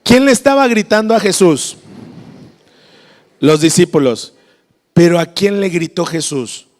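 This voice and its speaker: A man with a Mexican Spanish accent preaches a lively, storytelling sermon and acts out voices as he goes. His voice sits fairly high. A long reverb trails behind it in a church hall. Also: unhurried. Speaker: pastor.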